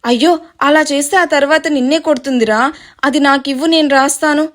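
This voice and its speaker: A woman reading the lines of a sly, touchy young man with a gruff manner. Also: high voice, brisk, pitched above the performer's own voice, close to an everyday voice.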